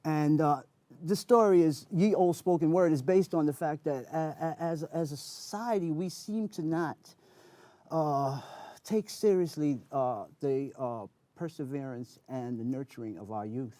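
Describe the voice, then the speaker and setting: As a guest in a conversational interview, a spoken word performer talks earnestly and emphatically, repeating phrases to drive his points home. His voice is fairly high and mellow, his pace measured, and the recording is dry.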